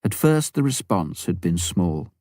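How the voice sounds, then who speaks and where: In a sing-song, measured reading, a man with a very mellow, fairly low voice narrates a memoir as an audiobook, phrasing everything clearly. The sound is close and dry, with no echo and little sense of a room.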